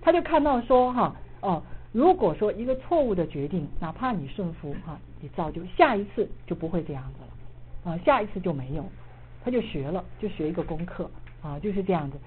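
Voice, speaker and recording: A middle-aged woman, an assistant pastor, preaching and telling a personal story in a lively way, dotting her speech with filler particles. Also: on the low side, fairly quick. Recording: muffled phone-like audio with faint noise.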